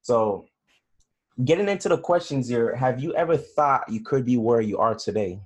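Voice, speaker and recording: A man hosts a casual podcast. His pitch is average for a man. He speaks informally, like someone chatting with a close friend, and often drops in small conversational tags. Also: expressive, normal speed, a little mellow. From Togo. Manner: informal, peppered with "you know" and "bro". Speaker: podcast host. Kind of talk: casual interview hosting.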